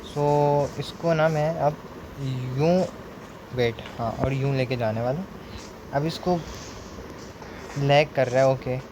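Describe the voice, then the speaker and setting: A man's voice: medium pitch, slow pace, pauses often. Young man chatting over gameplay, noisy. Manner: chatty, counts blocks aloud, mixes English words in. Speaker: gaming streamer. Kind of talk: casual gameplay commentary. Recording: noticeable background noise.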